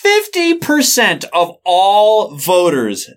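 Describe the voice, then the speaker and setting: A male podcast co-host who talks in loose, joking banter and often breaks into laughter. His voice sits a little high and swings widely in pitch. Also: slow pace. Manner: giggly, lively, joking banter. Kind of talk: casual podcast chat.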